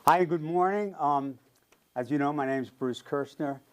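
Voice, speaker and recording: A New York man in his seventies gives a casual public talk as a guest speaker, friendly and chatty with frequent ums and light laughs. His voice is fairly high-pitched and unhurried.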